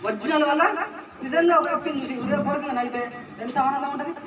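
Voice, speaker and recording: Rich: A man preaches in a very high, fast voice, asking question after question and repeating his key phrases. He sounds far from the mic in an echoing church hall, over steady background noise. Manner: preaching with rhetorical questions and repetition. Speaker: pastor. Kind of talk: Telugu church sermon. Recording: roomy, distant, noisy church recording.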